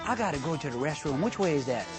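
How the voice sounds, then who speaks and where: A bewildered uncle who drawls and gasps in amazement at everything, as a man puts him on in a joke. His voice sits high, jumping even higher when he panics. Music plays behind him. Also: fast. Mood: casual. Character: bewildered hungry uncle, man, easily overwhelmed.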